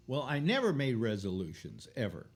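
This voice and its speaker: A man's voice: mid-range voice, wildly swooping pitch, moderate pace. A man in his eighties hosting a casual chat show, rambling and wry, often restarting his sentences. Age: 80s. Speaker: host.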